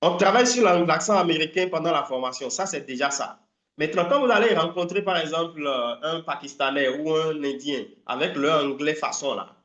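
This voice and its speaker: Male English coach, higher voice, lively and emphatic, often hunts for words; echoey room sound. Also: lo-fi sound. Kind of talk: live online training talk.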